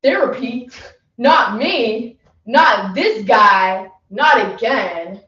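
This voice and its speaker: Brief: hotheaded young man, played by a woman, shouty and brash, dull roomy sound. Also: a little high, lively intonation, drawn-out words, full character voice. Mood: brash loud. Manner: brash, shouty tough-guy talk. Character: loud hotheaded young male actor. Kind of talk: competitive humorous interpretation. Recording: echoey room, distant mic, dull sound.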